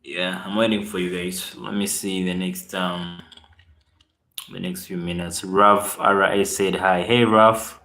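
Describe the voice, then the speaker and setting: A man with a Ugandan accent hosts a relaxed live stream, chatting to viewers and reading their comments aloud. His voice sits fairly low and sounds roomy, with echo from the space around him. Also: unhurried, creaky. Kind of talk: casual live-stream chat.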